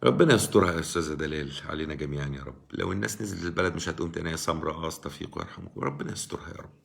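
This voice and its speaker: His voice is very deep and creaky, a bit bright, with lively intonation and a racing pace. He is an Egyptian Arabic-accented live-stream host offering casual, argumentative political commentary through a live-stream mic and addressing viewers by name.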